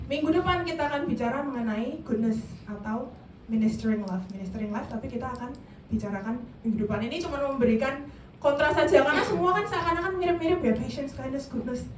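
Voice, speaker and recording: A woman's voice: high voice, fast talker, recorded from a distance. A woman giving an interactive youth sermon, questioning her listeners directly and mixing in English. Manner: lively, questions the audience directly. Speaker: youth service speaker. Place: church meeting room. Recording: echoey room, voice from afar, faint hiss.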